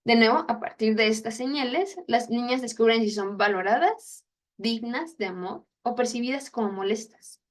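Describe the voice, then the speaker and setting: A woman's voice: fairly high pitch, normal speed. Chatty young woman teaching. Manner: chatty, acts out inner voices, laughs at herself. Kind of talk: casual teaching talk.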